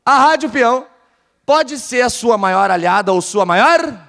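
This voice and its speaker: Speaking in a gaúcho accent from Porto Alegre, this man delivers a live business talk to an audience in a big, reverberant hall. He stays energetic and keeps quizzing the crowd, his very high-pitched voice a little slow and touched with vocal fry.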